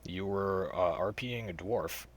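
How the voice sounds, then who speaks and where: Co-hosting a casual gaming podcast, a man with a low voice chats about gaming news at a moderate pace, blunt and profane, rambling and restarting his sentences. A crowd can be heard in the background.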